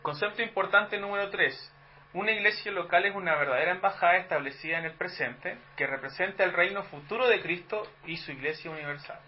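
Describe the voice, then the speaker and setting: A man's voice: high-pitched, brisk, lo-fi sound, a little hiss or hum. A Chilean man preaching a sermon in a conversational teaching manner, asking the congregation rhetorical questions. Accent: Chilean Spanish. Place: church hall.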